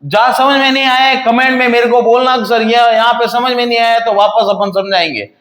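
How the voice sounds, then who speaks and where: Guy teaching a class, really high bright voice, bit of a sore throat, quizzes then answers himself, echoey room. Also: fairly even intonation. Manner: asks the class questions and answers them himself; repeats key terms slowly for emphasis. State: slightly sore throat, clears it now and then. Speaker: paramedical teacher. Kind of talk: classroom lecture on video.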